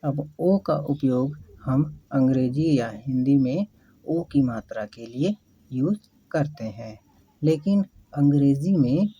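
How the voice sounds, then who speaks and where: Slow, patient teacher. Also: mid-range voice, warm tone, slightly rough, no echo, low-quality recording. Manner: patient, repeats questions and answers. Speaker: English teacher. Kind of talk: slow spelling-out lesson.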